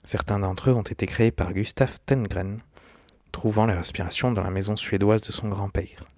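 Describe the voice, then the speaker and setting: The narrator's fairly low, darkish voice stays fairly even in intonation at a moderate pace, with no room sound. As host of an animation history channel, he reads a documentary script, now and then stumbling slightly. The recording is dry and close with background music.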